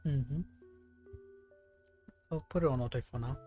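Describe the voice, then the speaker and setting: During casual live gaming commentary, a streamer talks in a medium-pitched, darkish voice at a slightly slow pace as game music plays behind him. He muses and speculates, working through ideas out loud.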